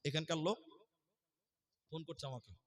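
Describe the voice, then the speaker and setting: A man from Assam preaching at a religious gathering, joking with the crowd and then swelling into loud, drawn-out chanting. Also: fairly high pitch, fairly even intonation. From Assam, India. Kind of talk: sermon with jokes and chanted verses. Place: outdoor gathering stage.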